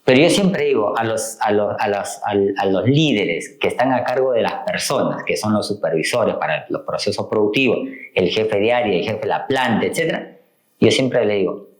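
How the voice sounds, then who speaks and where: A man's voice: fairly low pitch, lively intonation, moderate pace, echoey room. A man, a guest on a casual podcast, telling stories from his work and acting out the voices of people in them. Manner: storytelling, acts out quoted dialogue. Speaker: guest, continuous improvement engineer.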